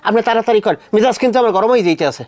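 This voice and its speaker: An actor playing a short-tempered village husband who blusters and threatens, with a rural Bangladeshi Bengali accent. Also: male voice, high voice, very fast, darkish tone, natural voice. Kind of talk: comedy drama acting.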